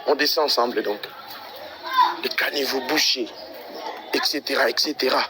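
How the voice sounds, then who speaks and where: A man's voice: medium pitch, normal speed, a loud crowd, heavy background noise. A man out of breath, walking residential streets outdoors and talking to his livestream viewers in an exasperated, repetitive way. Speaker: livestream vlogger.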